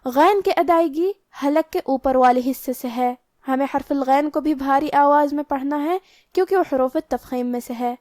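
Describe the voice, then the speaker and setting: Female recitation teacher, high voice, dry close recording, measured and methodical. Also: warm tone, dry recording. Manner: measured, step-by-step instructional delivery. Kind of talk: tajweed lesson explaining pronunciation rules.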